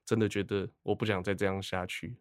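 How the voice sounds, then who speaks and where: A man in his thirties with a Taiwanese Mandarin accent, chatting on a podcast, telling a story with animated, laughing delivery. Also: brisk, clean tone, no room sound, clean studio sound. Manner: animated storytelling, acts out quotes in a high squeaky voice, laughs often. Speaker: podcast co-host. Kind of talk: casual chat.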